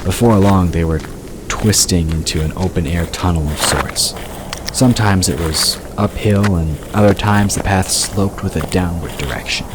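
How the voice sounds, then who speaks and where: A man with a low-sitting voice and normal pace narrates scripted fiction for an audiobook, telling it like a story. Outdoor ambience and water sound effects make the background noisy.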